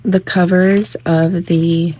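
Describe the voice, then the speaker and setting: A woman vlogging casually about her planner from home, her voice hoarse in the morning, rambling with many fillers. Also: fairly low pitch, flat delivery, slow pace, darkish tone, slight background noise. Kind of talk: casual crafting vlog. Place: home, indoors.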